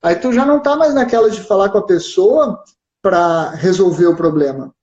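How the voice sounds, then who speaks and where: A man's voice: sits high, expressive, moderate pace, darkish tone. Gaúcho man explaining in a roomy stream. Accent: southern Brazilian (gaúcho). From southern Brazil. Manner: explains patiently with frequent "né?" and "certo?" check-ins. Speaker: live-stream co-host. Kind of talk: explanatory casual chat. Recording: roomy, dull live-stream audio.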